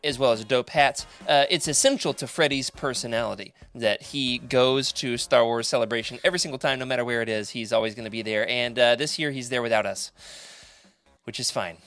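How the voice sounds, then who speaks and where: A man's voice: medium pitch, brisk, a bit bright, soft background music. A man hosting a podcast in casual chat, joking and laughing often. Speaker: podcast host.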